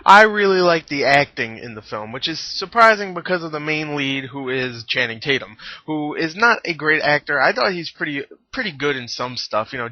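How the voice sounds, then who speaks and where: A man's voice: mid-range voice, dry recording. A man giving a casual, rambling movie review, chuckling and restarting his sentences as he goes. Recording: dull lo-fi dry recording.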